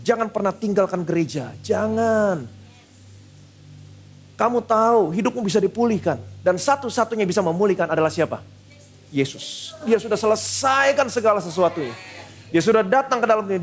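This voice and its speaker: Emphatic male pastor with a high voice; repeats short lines for punch and slips English phrases into the sermon. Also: animated, moderate pace, soft background music. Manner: mixes English phrases into his preaching. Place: church service.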